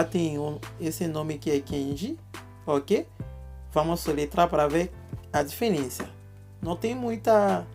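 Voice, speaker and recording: Slow-talking woman. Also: fairly low pitch, creaky, darkish tone. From Haiti. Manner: spells words letter by letter, checks in often with "ok?". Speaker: language teacher. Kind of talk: online language lesson.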